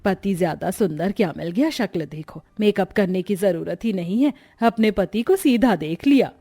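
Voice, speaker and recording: A woman's voice: medium pitch, animated, moderate pace, mellow. A woman voicing a worried middle-aged mother who lectures and teases her daughter before the wedding, in a cartoon story. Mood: lecturing. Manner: lecturing, teasing.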